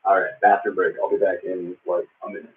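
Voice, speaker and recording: A man's voice: low-pitched, flat delivery, fast talker, noisy background. A man chatting casually and thinking aloud on a drawing livestream, heard muddily through a Bluetooth speaker used as a microphone. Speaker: live streamer drawing comic art. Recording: muddy, phone-like Bluetooth speaker used as mic.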